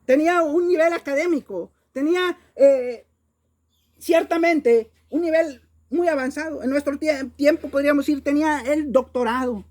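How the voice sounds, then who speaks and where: A woman's voice: high-pitched, moderate pace, a little mellow. A Mexican woman preaching a Bible-study sermon in an emphatic way, often repeating words as she searches for the next phrase.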